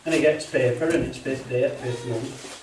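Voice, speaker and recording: A man doing stand-up in a church hall, telling deadpan dialect jokes and laughing at his own punchlines. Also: medium pitch, moderate pace. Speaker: stand-up comedian. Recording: echoey hall, heard from far off, noisy.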